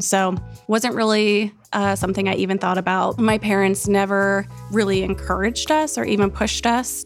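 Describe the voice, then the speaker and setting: A woman in her thirties from Ohio, a company president, answering interview questions earnestly and conversationally. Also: medium pitch. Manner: earnest, conversational, with "you know" fillers. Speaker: company president, podcast guest.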